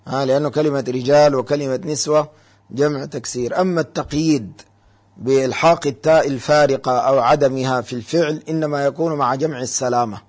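A man's voice: mid-range voice, steady tone, darkish tone. Man explaining scripture on call-in radio. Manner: measured, explanatory, recites Quranic verses. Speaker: religious scholar answering callers. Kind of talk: radio call-in religious teaching.

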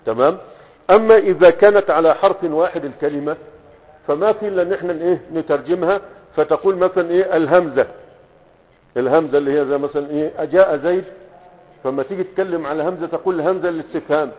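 A man's voice: on the high side, fast. A man with an Egyptian accent teaching Arabic grammar in a classroom lecture, often checking that students follow and answering his own questions. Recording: tinny phone-like audio.

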